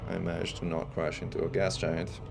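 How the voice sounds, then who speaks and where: Deep, gravelly, and brisk, this Italian man's voice runs over music and a steady noise floor. His faint Italian accent colors easygoing talk as he plays a space game on stream and reads chat aloud.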